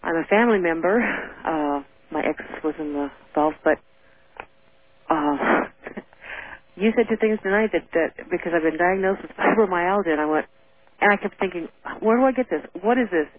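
Halting woman caller on a tinny phone line. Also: fairly low pitch. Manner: halting, repeats words, nervous laughs. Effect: heard over the phone. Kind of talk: call-in radio conversation.

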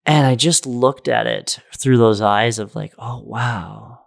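A man's voice: medium pitch, unhurried, gravelly. A young adult man telling a spiritual story in casual chat, earnest and rambling, with lots of fillers. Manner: rambling and earnest, full of "like" and "right?".

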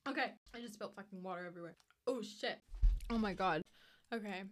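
A woman's voice: mid-range voice, fast. A young American woman telling stories casually on her own, stoned, loose and rambling, swearing freely. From United States. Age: young adult. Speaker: podcast host. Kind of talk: casual solo storytelling.

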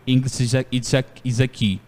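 Lively man hosting a podcast, roomy sound. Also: medium pitch, normal speed. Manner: animated, playful storyteller. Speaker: podcast host. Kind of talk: casual podcast chat.

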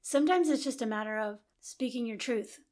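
A middle-aged woman with a fairly high voice co-hosts a casual podcast about marriage. She talks in an easy, chatty way and encourages her co-host with steady affirming murmurs. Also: fairly quick.

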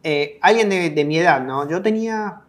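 A man's voice: on the high side, animated, normal speed, over a noisy crowd. A man in his thirties from Argentina, explaining things casually as a guest expert and checking in with listeners. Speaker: guest, digital marketing expert.

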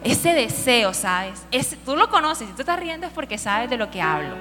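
High-voiced woman preaching in a hall. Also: moderate pace. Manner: lively storytelling, asks the audience questions. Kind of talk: sermon. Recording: hall reverb with faint music.

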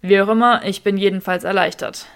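A woman's voice: medium pitch, fairly even intonation, a little fast, creaky, smooth, lightly acted. Woman doing a drawling, smug wizard. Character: smug flirtatious wizard man, teasing rival.

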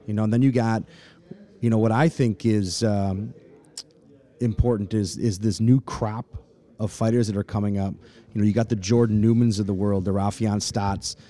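Here a fight matchmaker, forty and from Michigan, USA, chats through his interview answers full of "you know." His voice is fairly low and mellow, with a steady tone at a normal speed.

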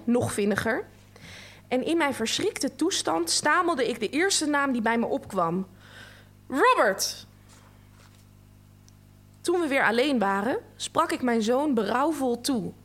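Woman reader, unhurried and fairly high-voiced, expressive literary reading.

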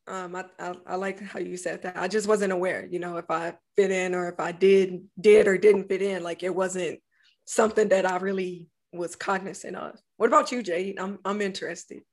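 A woman's voice: lowish voice, steady tone, moderate pace, a little mellow. A reserved woman talking casually about herself, in a somewhat hesitant way. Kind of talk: casual conversation.

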